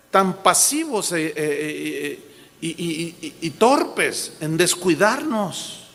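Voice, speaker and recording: Emphatic pastor in echoing hall. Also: male voice, sits high, a bit bright. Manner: emphatic preaching, repeats phrases, quotes people in changed voices. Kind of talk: sermon. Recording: long hall reverb.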